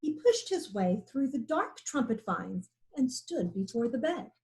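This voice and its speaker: A woman narrating a children's picture book aloud in an expressive storytelling way. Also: fairly high pitch, a little slow. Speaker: storybook reader.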